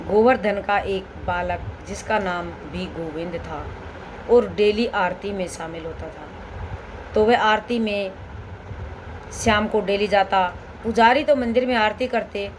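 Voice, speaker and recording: A woman telling a devotional story in a gentle, homely way, often repeating phrases. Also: mid-range voice, background noise.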